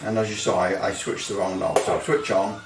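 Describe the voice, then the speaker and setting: A man gives a relaxed, hands-on radio equipment demonstration in a lowish, level voice at normal speed, rambling and hesitating with grumbling asides. The mic is distant, the sound roomy, and there is faint noise.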